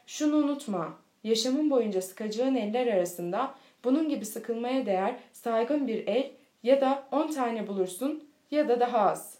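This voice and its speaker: A woman voicing a calm, proud father who gently lectures his young son, with little change from her own voice. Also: a little high, moderate pace, hardly any pauses, lightly acted. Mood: earnest. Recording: echoey room.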